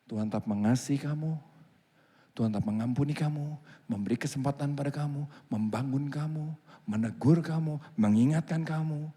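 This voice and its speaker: A male pastor preaching a sermon in a church, switching between a calm, low voice and lively, higher outbursts as he acts out dialogue. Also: normal speed, slightly rough. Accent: Indonesian. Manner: animated preaching, voicing God and a complaining husband. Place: church hall. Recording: long church hall reverb.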